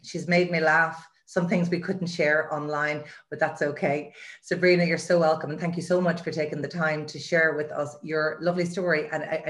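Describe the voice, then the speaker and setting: Low-pitched Irish woman hosting an interview. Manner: effusive, encouraging. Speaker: show host, mindset coach.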